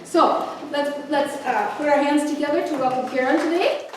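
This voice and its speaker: A woman's voice: high voice, normal speed, heavy background noise. A woman in her older years hosting a community cultural event, welcoming the audience in a chatty, joking way full of asides before introducing the speaker. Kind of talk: casual welcome speech to a live audience. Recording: echoey room picked up from a distance.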